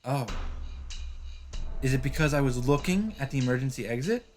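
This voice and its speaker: Reading visual novel lines with dramatic flair and offhand comments, this let's play host has a mid-range, somewhat dark voice with lively intonation at an ordinary pace. Slight background noise sits alongside the visual novel music playing under his voice.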